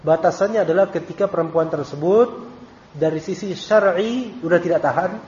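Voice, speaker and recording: A high-voiced, slightly mellow Islamic teacher speaks at a normal speed as he reads out questions from his study circle and answers them in a casual, joking manner. The recording is dull and lo-fi, with faint hiss.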